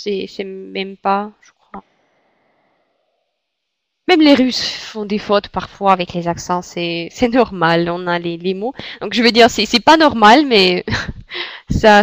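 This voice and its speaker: A woman with a Russian accent gives a language lesson, repeating words and pausing with hesitant fillers as she explains. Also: medium pitch, no echo. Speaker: Russian teacher.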